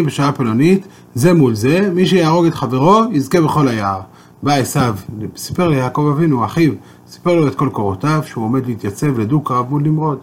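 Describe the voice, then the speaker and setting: Husky man telling a Torah tale. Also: a little high. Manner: steady, explanatory storytelling. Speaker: Torah teacher. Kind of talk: storytelling Torah lesson.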